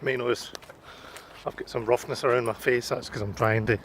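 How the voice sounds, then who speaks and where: A west coast Scottish man talks to a camera held at arm's length as he walks the streets. He is chatty and self-deprecating, with a mid-range pitch. There is a faint hum of the outdoors behind him. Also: steady tone, brisk, fairly bright tone. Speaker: vlogger. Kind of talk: casual vlog to camera.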